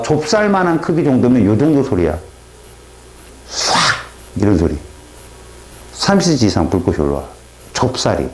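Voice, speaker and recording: A man teaching a science class, lively and quizzing his students, imitating reaction sounds as he explains. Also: mid-range voice. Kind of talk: classroom lecture. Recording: echoey classroom.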